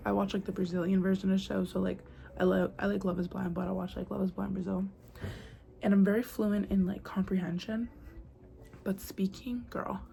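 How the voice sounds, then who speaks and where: Chatting to her camera, a young adult vlogger from the US uses plenty of "like" and "girl" and now and then whispers. She has a mellow, medium-pitched voice with vocal fry. No proper microphone is used, only the built-in one, which picks up faint outdoor noise.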